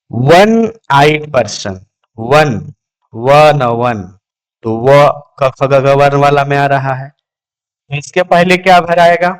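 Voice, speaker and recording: A man teaching English grammar, asking questions and answering them himself, repeating each word slowly. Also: mid-range voice, clean tone. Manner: repeats words slowly, asks and answers his own questions. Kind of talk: classroom lesson.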